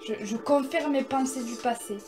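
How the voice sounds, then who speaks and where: A woman's voice: high-pitched, normal speed. A young woman chatting casually as she reacts to music in her vlog, rambling and poking fun at herself. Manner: chatty, rambling, self-mocking. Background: music playing.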